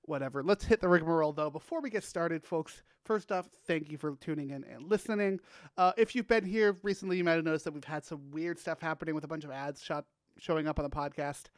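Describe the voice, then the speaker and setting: A man's voice: a little high, quick pace, no room sound. A man hosting a casual podcast, upbeat and rambling with plenty of fillers. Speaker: podcast host.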